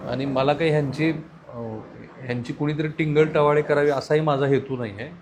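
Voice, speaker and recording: A man's voice: on the high side, fairly even intonation, fairly quick, a little hiss or hum. A man interviewing a family on site, asking probing questions and giving earnest commentary. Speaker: interviewer, vlogger.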